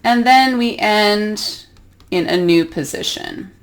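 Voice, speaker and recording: A woman's voice: mid-range voice, slow pace. A woman with an American accent teaching an English pronunciation lesson, carefully demonstrating each vowel sound.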